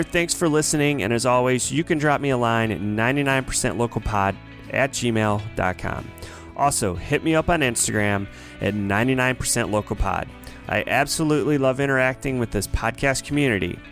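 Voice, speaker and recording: A man of medium pitch, his voice a bit bright, hosts a podcast. He asks questions in a friendly, casual interview peppered with yeahs and hesitations, then closes with a scripted outro.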